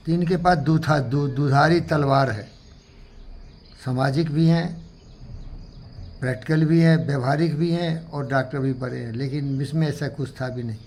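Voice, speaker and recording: A man giving an emphatic, moralizing talk to a gathering, preachy, with sudden loud outbursts. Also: mid-range voice, slight background noise. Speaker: speaker addressing a gathering. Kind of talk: moralizing motivational speech.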